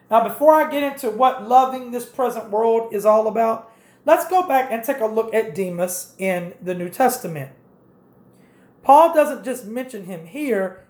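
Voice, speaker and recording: A woman's voice: on the high side, a little mellow, echoey room. A woman preaching a sermon, directing listeners through scripture passages and explaining them step by step.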